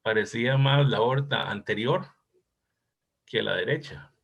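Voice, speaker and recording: A man's voice: medium pitch, a little slow, creaky, fairly bright tone, husky, highs cut off. A man, a cardiologist thoughtfully discussing a case in an academic session and reminiscing with some hesitation. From Costa Rica.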